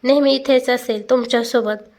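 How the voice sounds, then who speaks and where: A woman voicing a patient, loving young wife who coaxes her husband gently. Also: a little high, steady tone, normal speed, natural voice. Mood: gentle. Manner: gentle, coaxing.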